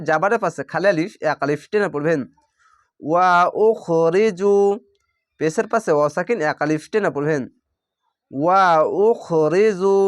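A high-pitched man gives a patient recitation lesson in a Bangladeshi Bengali accent, stretching out sounds slowly and repeating the rules. The recording is dry and close, with no room sound. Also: dry recording. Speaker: Quran reading teacher.

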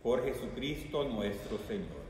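A man leading the Mass prayers as a priest, reciting slowly and solemnly, with a cathedral echo. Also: mid-range voice, expressive, noisy background. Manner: slow, solemn liturgical recitation. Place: large church. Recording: echoey church from far off.

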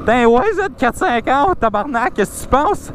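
A man's voice: very high voice, very animated, normal speed. A man with a Québécois French accent, talking casually to camera while riding a dirt bike on a forest trail, swearing often and asking rhetorical questions. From Quebec. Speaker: motovlogger. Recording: loud engine and wind noise.

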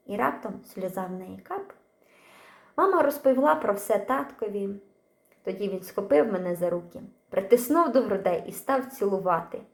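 Expressive woman reading a children's story. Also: medium pitch, vocal fry, echoey room. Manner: expressive, acts out the characters.

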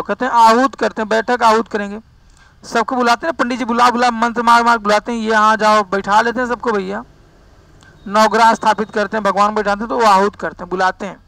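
A man teaches grammar in a chatty, folksy way. His voice sits very high and sounds bright and forceful, and it is recorded close and dry with no room sound. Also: vocal fry, dry recording, low-quality recording. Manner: chatty, folksy, drifts into dialect asides. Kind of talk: classroom lesson.

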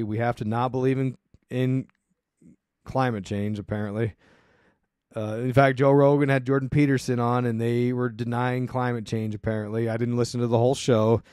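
A man's voice: mid-range voice, a little mellow, no room sound. Dry, wry male podcast host. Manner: wry, rambling, sarcastic asides. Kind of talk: casual solo commentary.

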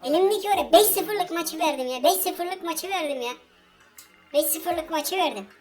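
A woman hosting a gaming channel, commenting on her match in a casual let's-play way, excitable and groaning loudly at what happens on screen while talking straight to her viewers. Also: very high-pitched, moderate pace, soft background music. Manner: talks straight to viewers, over and over.

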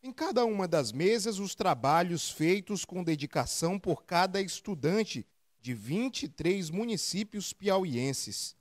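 A male reporter with a northeastern Brazilian accent reading a news voice-over in a measured tone. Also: high voice, expressive. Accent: Brazilian Portuguese, northeastern. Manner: measured, read script.

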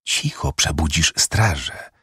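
Hushed, urgent rescuer in a storybook reading, a man with a very deep voice. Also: animated, slow pace, breathy edge, dry recording, studio quality, exaggerated voice. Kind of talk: audiobook reading of a verse drama.

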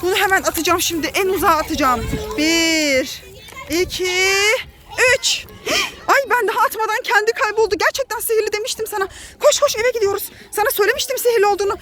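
A woman's voice: very high voice, quick pace, bright, forceful tone. A woman with a Turkish accent filming a family play vlog, talking to her children as their mother and warning them with lots of drama.

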